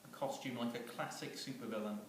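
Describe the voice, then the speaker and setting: This man's steady, mid-range voice moves briskly through a comic tale full of fillers, restarts, and chuckles at his own jokes. The mic is distant, the room very echoey, and background noise comes through clearly.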